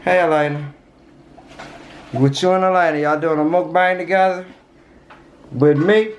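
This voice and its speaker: A man's voice: fairly high pitch, a little slow. A young man chatting casually at home in a vlog, patiently coaxing a little child to sit down and eat. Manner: gently coaxing a toddler, relaxed and patient. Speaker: vlogger and father. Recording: noisy home video.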